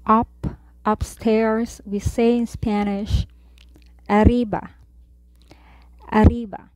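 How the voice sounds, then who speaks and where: Woman tutor, slow deliberate drills with each word repeated, dark mellow voice. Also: a little high, little pitch movement, dry recording. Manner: says each word, then repeats it slowly. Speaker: Spanish tutor. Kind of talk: slow vocabulary lesson.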